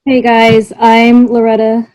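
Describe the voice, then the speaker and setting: Flat-toned woman therapist on a call. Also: fairly high pitch, slow, smooth, no room sound, poor audio. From New Jersey, US. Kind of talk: introducing herself on a video call. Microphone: video call.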